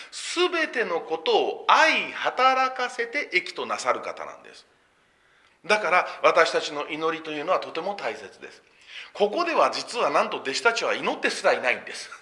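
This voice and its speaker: A man preaching a sermon in a fairly high, bright voice. His pitch swings widely as he leans on key phrases. He explains patiently and poses questions to the congregation before answering them himself. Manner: expressive preaching with sweeping pitch and emphatic phrases. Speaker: pastor.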